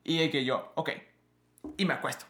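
Hombre joven de acento mexicano, copresentador de pódcast, habla en tono casual y anima sus anécdotas imitando voces; el timbre es luminoso y la sala resuena. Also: male voice, mid-range voice, normal speed, echoey room. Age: young adult. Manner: animated storyteller, acts out voices and film scenes. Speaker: podcast co-host. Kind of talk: casual chat.

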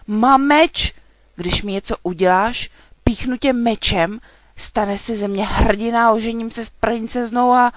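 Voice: medium pitch, very animated, no room sound. A reader voicing a jumpy, boastful storybook knight. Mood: panicked. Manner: stammering, panicky and loud. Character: frightened, boastful young human knight, male. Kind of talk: children's storybook reading.

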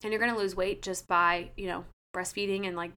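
A woman's voice: fairly low pitch, fairly even intonation, fairly quick, bright, forceful tone. A woman in her late twenties co-hosting a casual podcast as a trainer, chatty and full of "like". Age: 20s. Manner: chatty, fills talk with "like". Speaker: podcast co-host and personal trainer.

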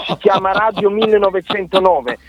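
A man's voice: high voice, moderate pace, muffled recording, a crowd in the background. A man calling in to a local sports radio show, ranting and swearing in heated banter. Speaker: phone-in caller.

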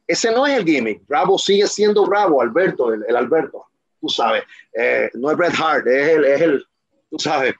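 A professional wrestler, guesting in a casual interview, talks passionately and emphatically, rambling with restarts. His voice is a little high and expressive at a moderate pace, and the audio sounds dull.

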